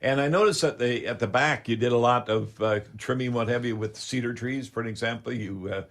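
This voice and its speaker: An older Canadian-accented man with a mid-range voice hosts a radio talk show. His style is folksy, halting, and unscripted.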